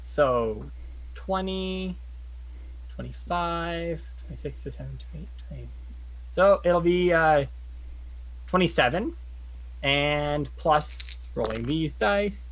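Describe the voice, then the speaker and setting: A man's voice: fairly high pitch, expressive, slow, pauses often, slight background noise, rough recording. A man chatting casually as a player in a tabletop game, often counting up his dice aloud.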